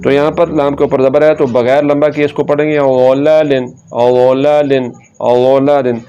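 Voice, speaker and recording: A man teaching Quran reading rules, sounding out syllables slowly and patiently and pointing out common mistakes. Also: fairly high pitch, little pitch movement, a little mellow, clear, resonant tone, muffled recording, faint music behind. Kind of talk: slow tajweed lesson, syllable drills.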